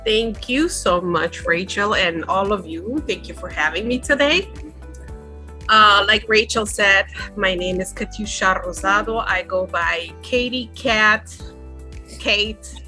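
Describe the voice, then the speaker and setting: A middle-aged makeup artist from Switzerland, earnestly explaining things step by step in a webinar over a video call. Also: female voice, mid-range voice, slow pace, pushed and bright, faint music behind. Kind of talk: webinar talk.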